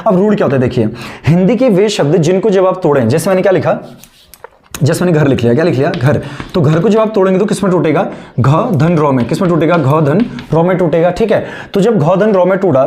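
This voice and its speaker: A man teaching a Hindi grammar lesson, asking the class questions, answering them himself and repeating key terms slowly for dictation. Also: high-pitched, dark tone. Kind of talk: classroom lecture with call-and-response questions.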